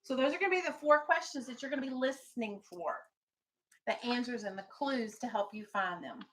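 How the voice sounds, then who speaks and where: This elementary school teacher speaks briskly in a fairly high voice, captured on a low-quality recording. Leading her class through reading and a read-aloud, she asks questions and keeps her pupils in line with firm instructions.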